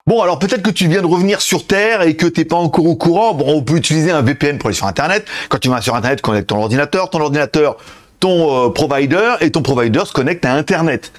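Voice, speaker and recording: A man's voice: fairly high pitch, quick pace. A man doing a chatty tech review, talking straight to his viewers. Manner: chatty, addresses viewers directly.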